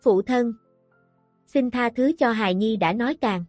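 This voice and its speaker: A woman's voice: fairly high pitch, measured pace, darkish tone, dry recording, faint music behind. A woman voicing a young male swordsman, tense and bitter, torn about his father. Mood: anguished. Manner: tense, outbursts of anger.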